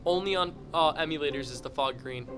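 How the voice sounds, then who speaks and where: A man's voice: a little high, fairly quick. A young man co-hosting a casual let's-play, joking around, swearing often and playing up mock outrage. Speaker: co-host. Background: game music.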